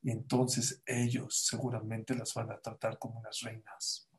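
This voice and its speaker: A man giving a sermon, telling a parable and acting out its people in an animated way. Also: fairly low pitch, measured pace. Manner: animated storytelling, acts out the couple and the rabbi in quotes. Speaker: rabbi. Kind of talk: sermon with a told story.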